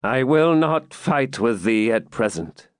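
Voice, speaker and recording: A man's voice: mid-range voice, expressive, takes it slowly, clear, resonant tone, no echo, clean studio sound. A man reading aloud and voicing a haughty Templar knight, scornful and fierce. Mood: hollow.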